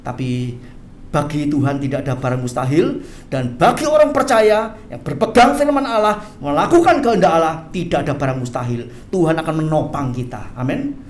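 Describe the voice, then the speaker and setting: A pastor preaching an animated sermon, often tagging phrases with "ya". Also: medium pitch, normal speed, a little hiss or hum. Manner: animated, tags phrases with "ya", acts out quoted voices. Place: church hall, livestreamed service. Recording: echoey church hall.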